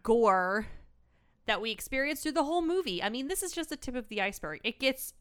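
A woman's voice: fairly high pitch, clear, resonant tone. A woman co-hosting a podcast, chatting casually and expressively about a film and laughing often. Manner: lively, expressive, quick to laugh. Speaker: podcast co-host.

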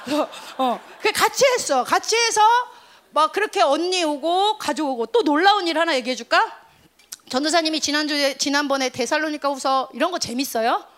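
A woman youth pastor preaches to a room of teenagers in a high voice. She tells the story casually and animatedly, then swells into fervent exhortation. She sounds middle-aged. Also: lively intonation, brisk, a bit bright.

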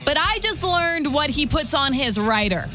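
A woman co-hosting a radio show, bantering casually in a playful, expressive way on a studio microphone. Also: sits high, moderate pace, faint music behind. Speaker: radio co-host.

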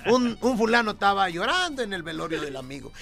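A man from Acapulco with a coastal Guerrero Mexican accent, telling jokes on a radio show in a lively, playful way. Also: high voice, fast talker, creaky. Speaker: radio comedian.

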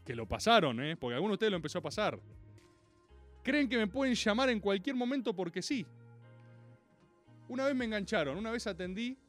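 Animated Argentine man streaming. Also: high-pitched, faint music behind. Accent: Rioplatense Argentine Spanish. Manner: animated, teasing and profane, with slow musing asides. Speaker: live streamer talking to his chat. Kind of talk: casual live-stream monologue.

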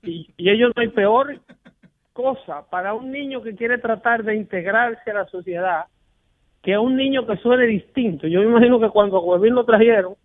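A man's voice: high-pitched, normal speed, no echo. A man hosting a radio show in casual Spanish-language talk, emphatic and opinionated, acting out the callers he quotes. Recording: dry, narrow phone-like sound.

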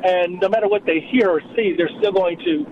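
A man's voice: sits high, brisk. A man calling in to a radio talk show over the phone, telling a rambling story in a casual way. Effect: heard over the phone. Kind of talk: casual call-in chat. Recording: muffled phone line with background noise.

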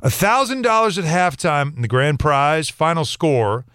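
A man's voice: a little high, very animated, moderate pace, a bit bright, smooth, dry recording, clean studio sound. A man hosting a sports radio show who reads sponsor spots and jokes around loosely, laughing often. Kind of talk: live ad read and casual banter.

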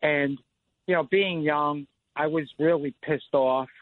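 A man's voice: fairly high pitch, slow pace. A man calling in by phone to a radio show. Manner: rambling storyteller with many fillers like "you know" and "like". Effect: phone line call-in to a radio show. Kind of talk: telling a personal story on a call-in show. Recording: tinny dry phone line.

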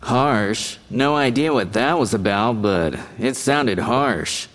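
A sarcastic, blunt ghost of a dinner-theater actor. His voice has an ordinary pitch. Long reverb trails behind it. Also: lively intonation, takes it slowly, a bit bright. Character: snarky male ghost actor, Colonel Mustard role. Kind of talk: audio drama acting.

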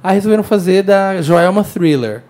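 A man guest in a casual chat, relaxed and often trailing off softly. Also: high-pitched, normal speed.

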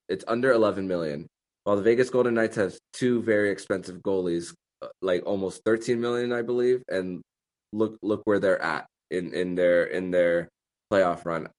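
A man hosting a sports podcast in casual discussion, haltingly repeating words as he thinks. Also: low-pitched.

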